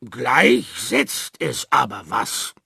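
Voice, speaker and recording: A man voicing a small, timid but brave earthworm in a storybook reading, faking a gruff voice to bluff. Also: mid-range voice, huge pitch swings, very slow, pushed and bright, dry recording, clean studio sound, pitched above the performer's own voice, heavily acted. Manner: trembling, then gruff when bluffing.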